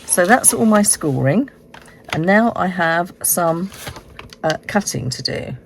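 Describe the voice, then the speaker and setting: At her craft desk indoors, the female card-making tutorial host gives a casual, animated demonstration, taking each step unhurriedly. Her low voice is still hoarse and croaky like a frog from her recent illness, and faint room noise sits behind it.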